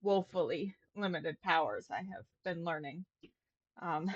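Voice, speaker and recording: A woman voicing a weary old woman with faint magical powers, speaking slowly and haltingly. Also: lowish voice, slightly rough, no echo, muffled recording. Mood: weary, smug.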